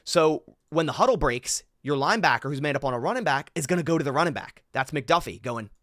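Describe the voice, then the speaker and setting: A man commenting over football game film in an animated, exasperated way, thinking aloud as he goes. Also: fairly high pitch, quick pace, no room sound, studio quality.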